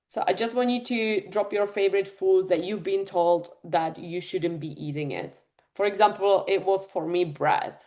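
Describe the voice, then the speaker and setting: Speaking at normal speed in a fairly low, slightly mellow voice, a woman from the Czech Republic runs a live online fitness and nutrition masterclass via video call. She talks in a chatty way, addressing her audience directly with plenty of fillers.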